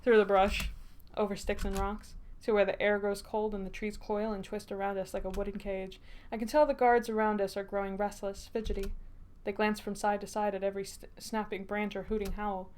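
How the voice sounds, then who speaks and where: A woman streamer narrating a story game aloud in a steady storytelling voice. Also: medium pitch, brisk, a little hiss or hum.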